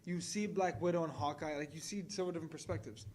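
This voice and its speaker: A man's voice: on the high side, steady tone, fast, darkish tone, a little hiss or hum. A young man co-hosting a casual film podcast, joking and teasing his co-host in a crude way.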